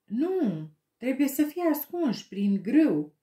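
A woman's voice: high-pitched, big pitch swings, mellow, reverberant, voice pushed up. A woman voicing a brave young boy calling down from a tree in an audiobook. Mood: eager.

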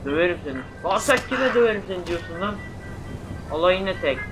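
A man's voice: high-pitched, lively intonation, brisk, music in the background. A man playing a whiny poor young man. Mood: joking. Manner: panicky yelling when hurt. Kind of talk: amateur short film acting.

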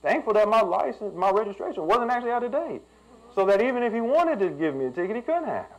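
A young pastor preaches through a personal story, his voice climbing and falling with lively swings of pitch. He sits a little above the usual male range and turns emphatic as the sermon builds. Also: quick pace, poor audio.

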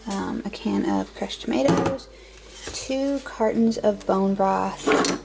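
A young woman explaining a home cooking recipe step by step in a relaxed, casual voice-over from her kitchen. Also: medium pitch, slow, creaky, very noisy. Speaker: cooking vlogger.

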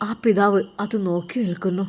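Woman storyteller, emotive measured narration, middle pitch. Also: fairly even intonation, darkish tone.

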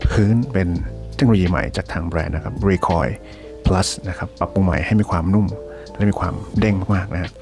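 A man presenting a sponsor spot in a casual ad-read style. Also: low voice. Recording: background music under voice.

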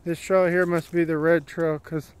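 A plainspoken man chats as he walks a wooded trail, filming on a handheld phone. His voice sits a bit high and stays level, with a clear, smooth tone. He rambles casually from one thought to the next. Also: flat delivery, moderate pace. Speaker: vlogger. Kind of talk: casual walking commentary. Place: wooded dirt trail outdoors. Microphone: handheld phone camera while walking.

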